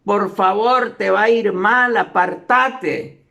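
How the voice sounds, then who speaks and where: A man's voice: high voice, slow, gravelly, sharp tone, dull audio, exaggerated voice. A man voicing a worried mother who pleads with her teenage daughter, insistent and begging. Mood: pleading.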